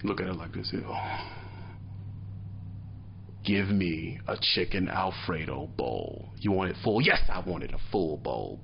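Low-pitched with noticeable vocal fry, a man in his thirties who drives trucks vlogs from a dim little room, acting out scenes as he tells animated stories in slang. The highs are cut off and the background is noisy.

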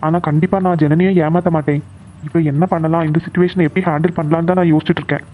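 A man's voice: on the high side, fairly even intonation, racing, a little hiss or hum, lightly acted. A man voicing a troubled, earnest young man torn between his love and his family duties. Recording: tinny phone-like recording.

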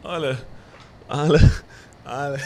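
A young man giving live commentary on a horror game, yelping and shrieking when scared and muttering low in between. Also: fairly even intonation, slow pace, darkish tone, slight background noise. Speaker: streamer.

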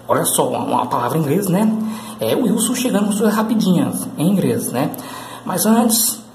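A man's voice: on the high side, sing-song, moderate pace, creaky, darkish tone. Male host, casual rambling lesson talk, roomy echo, faint hiss behind. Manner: rambling, full of tag questions and fillers. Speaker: English teacher and channel host.

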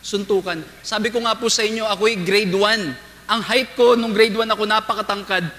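High, bright-voiced male pastor preaching. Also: steady tone, normal speed, in a large hall. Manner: storytelling preacher, often calls out to the congregation. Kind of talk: sermon. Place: large church sanctuary.

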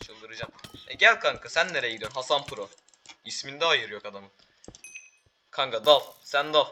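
A teenage boy giving excitable live commentary while playing a game, calling out to teammates and viewers. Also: mid-range voice, moderate pace, slight background noise. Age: teens. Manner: excitable, talks to teammates and viewers, frequent exclamations. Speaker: gaming YouTuber.

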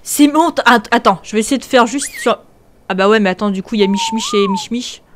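A young woman hosting a video game, commenting excitably, often shrieking and laughing. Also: a little high, brisk, slight background noise. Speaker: gaming video host.

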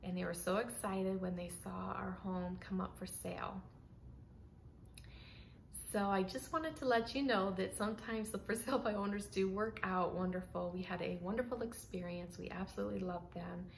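A woman's voice: medium pitch, steady tone, moderate pace, vocal fry, slight background noise. Chatty woman vlogging at home. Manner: chatty, many fillers and restarts, says "y'all". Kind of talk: casual talk to camera. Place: home interior, indoors. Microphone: camera framed at chest height, close.

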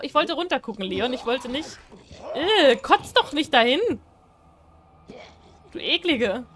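A woman casually commenting on a horror video game as she plays, chatting to the game's characters and swinging between shrieks and low mumbling. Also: fairly bright tone, a little hiss or hum. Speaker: gaming streamer. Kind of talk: casual Let's Play commentary.

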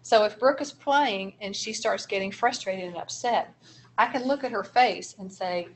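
A woman giving a seminar presentation on child behavior, acting out short teacher examples in a lively way. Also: mid-range voice, normal speed, slight background noise. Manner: animated, acts out teacher examples. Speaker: early childhood trainer.

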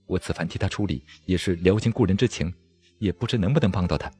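A man's voice: sits low, fast talker, dark tone, husky. A man reading a storybook aloud, voicing a cold, scornful young female swordswoman who sneers and snaps impatiently. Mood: softer.

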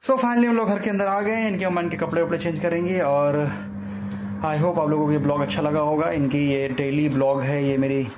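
A woman vlogging at home, gently coaxing her young daughter with sing-song questions. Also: low-pitched, steady tone, brisk, background noise. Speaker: family vlogger, mother.

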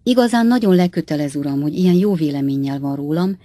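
Woman voicing a lively, hot-tempered widow. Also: dry recording. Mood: coy. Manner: higher, louder, flirtatious then tearful. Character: lively middle-aged widowed innkeeper woman, quick-tempered. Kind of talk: audiobook character voice.

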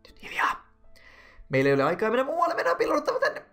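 A young woman reading lines and chatting through a story game in an animated way. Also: sits high, faint music behind. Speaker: let's play co-host. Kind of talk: casual game commentary and reading aloud.

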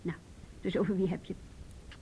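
On an old, poor-quality radio recording with a faint rumble, a woman acts in a Dutch radio drama as a patient, persistent youth police officer. Her mellow, fairly even voice is lightly acted as she coaxes and probes deliberately.

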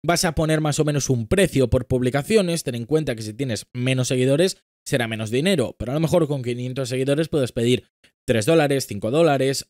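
A man in his thirties hosting a screen-recorded social media tutorial, explaining each step directly to the viewer in a small home studio on a boom-arm studio mic. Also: darkish tone, no echo. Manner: explanatory, addresses viewer directly, gestures with hands. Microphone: studio microphone on boom arm.

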